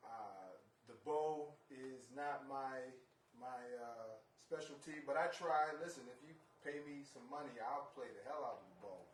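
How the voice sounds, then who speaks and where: A man talking casually between songs on a live stream, relaxed and rambling, with many fillers and restarts. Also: mid-range voice, measured pace. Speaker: jazz bassist. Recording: roomy, distant mic with faint noise.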